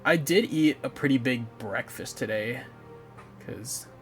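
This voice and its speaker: Unhurried and a bit bright, this young man's mid-range voice wanders through casual chatter and light swearing as he puts together a model kit on stream. Game music plays faintly behind him.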